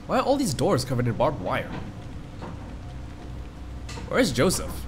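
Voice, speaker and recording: A let's play host with a cold-stuffed nose rambles and reacts while playing a horror game, talking straight at the screen in casual commentary. His voice sits a little high, swings hugely in pitch, and moves at an unhurried pace over a noisy background.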